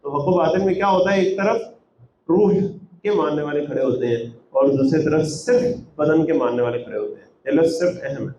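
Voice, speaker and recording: A man's voice: fairly high pitch, darkish tone, dull audio. Man explaining scripture in an echoey room. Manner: recites Arabic verses then explains in Urdu, rhetorical questions. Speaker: Quran translator and teacher. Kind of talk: Quran translation with commentary. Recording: echoey room with faint noise.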